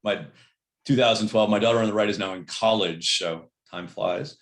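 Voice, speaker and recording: Guy from a video call giving a relaxed talk, kinda low voice, echoey room. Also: moderate pace. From Cleveland, Ohio. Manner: casual, filler-heavy, upbeat. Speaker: presenter. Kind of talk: online presentation.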